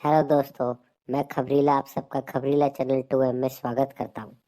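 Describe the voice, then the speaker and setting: A man with a medium-pitched, dark voice speaks at normal speed with a flat delivery. He hosts a comedy joke channel, narrating and acting out comic skits with dialogue in the manner of a jokey storyteller.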